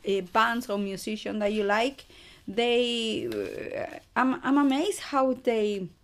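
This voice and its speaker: Curious Chilean woman, slightly high voice. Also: steady tone, takes it slowly. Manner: curious, asks many questions in non-native English. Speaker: podcast co-host. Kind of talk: casual album commentary.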